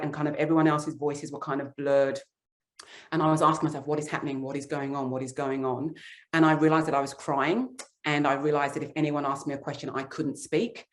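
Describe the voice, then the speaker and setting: Earnest woman telling leadership stories. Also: deep voice. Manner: earnest, reflective storytelling. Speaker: author and leadership guest. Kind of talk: interview answers.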